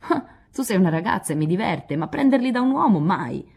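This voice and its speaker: A woman's voice: medium pitch, sing-song, fairly quick, creaky, darkish tone, husky, voice pushed up, full character voice. Woman playing an indignant proud young man. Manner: indignant, blustering.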